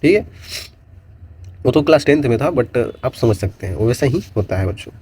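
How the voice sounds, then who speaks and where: A man's voice: mid-range voice, lively intonation, moderate pace, dark tone, breathy edge. A man teaching a physics lesson to students, explaining step by step and mixing in English terms while addressing them as children. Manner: explains with repeated gestures and "bachon" asides, mixes Hindi and English. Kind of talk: classroom lecture to students.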